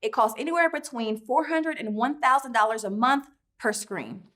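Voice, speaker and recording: Female founder for a scripted investor pitch, higher-pitched, polished and upbeat. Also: normal speed, fairly bright tone. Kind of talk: scripted promotional interview.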